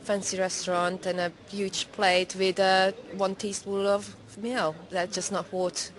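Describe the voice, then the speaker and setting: A woman from Hungary answers a street interview in English. She speaks frankly and states her opinions plainly in a mid-pitched voice. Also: little pitch movement, a little slow.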